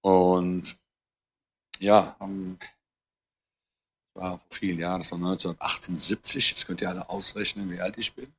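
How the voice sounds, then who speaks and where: A man's voice: sits low, level tone, normal speed, long pauses, breathy edge. A man in his fifties, born in Germany, gives an earnest, conversational talk to a church audience, quoting scripture, adding light humour and often hesitating and correcting himself. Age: 50s. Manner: talks with frequent hesitations and self-corrections. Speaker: guest speaker on Israel.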